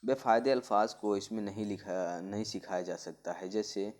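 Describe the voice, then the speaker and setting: A man giving an exam-prep lecture on teaching methods, explaining slowly with many fillers and spelling out letter sounds. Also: on the low side, steady tone, a little mellow. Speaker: Urdu pedagogy teacher.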